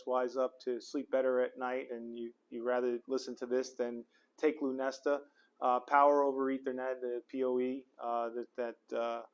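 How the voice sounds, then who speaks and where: A man's voice: medium pitch, smooth. A middle-aged man hosting a podcast from an office, chatty and upbeat, with lots of fillers and restarts. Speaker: podcast host. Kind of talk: casual interview chat. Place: office in the city.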